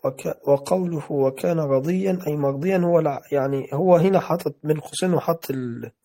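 A man reads from a classical text and explains each term, slow and deliberate, going back over words. His voice sits fairly high for a man, with a mellow, darkened tone. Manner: measured, careful reading with repeated words. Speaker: teacher.

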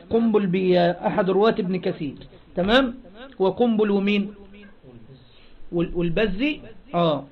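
A man with an Egyptian accent teaching a lesson, often pausing to quiz his listeners with short questions. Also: sits high, highs cut off. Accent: Egyptian Arabic. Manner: keeps checking understanding with quick questions. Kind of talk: explaining a Quran recitation lesson.

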